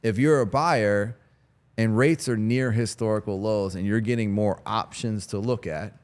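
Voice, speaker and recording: Man, host, lowish voice, upbeat, laughs easily, outdoor golf course chat. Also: normal speed, a little mellow. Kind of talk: casual chat.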